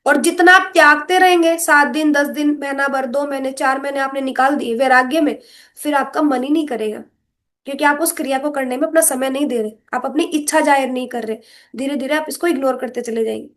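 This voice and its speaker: Woman, high voice, scripture lecture, earnest, rhetorical questions. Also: steady tone, fairly bright tone. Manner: chants Sanskrit verses slowly. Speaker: spiritual teacher.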